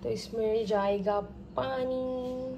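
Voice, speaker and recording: A woman's voice: a little high, steady tone, drawn-out words, highs cut off, noisy background. A young woman chatting casually through a home cooking vlog, rambling and correcting herself as she goes. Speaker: cooking vlogger. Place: home kitchen.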